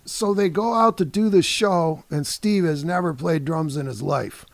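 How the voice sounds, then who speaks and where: A man in his sixties from the Detroit area, a guest musician telling an animated story in a casual interview, laughing often and dropping "man" and "you know". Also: a little high, moderate pace, vocal fry, dry recording.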